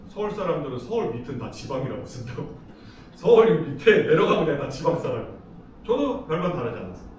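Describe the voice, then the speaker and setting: Here the lecturer's voice sits high, picked up far from the mic in an echoey hall with slight background noise. He's a middle-aged man from Seoul, South Korea, keeping his talk casual and chatty, full of stories and frequent laughter.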